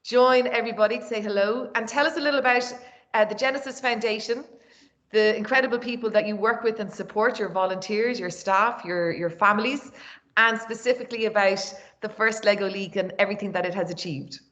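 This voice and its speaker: A woman's voice: mid-range voice, steady tone, brisk, fairly bright tone. Upbeat woman host on a muffled call. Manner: upbeat, encouraging interjections. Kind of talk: moderating an online meeting. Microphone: video call. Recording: muffled video call audio.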